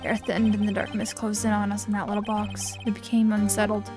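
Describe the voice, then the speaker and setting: A woman voicing a composed young male prosecutor haunted by guilt, reading game lines in a quiet, low-key confessional way. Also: completely flat delivery, fairly quick, over music, natural voice. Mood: somber. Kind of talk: reading game dialogue aloud.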